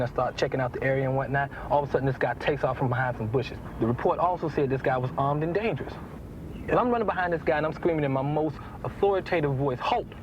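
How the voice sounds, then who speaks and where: A man's voice: mid-range voice, close to an everyday voice. An actor playing a boastful male ex-cop who tells a story with swagger, from a film soundtrack. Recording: dull film soundtrack with background noise.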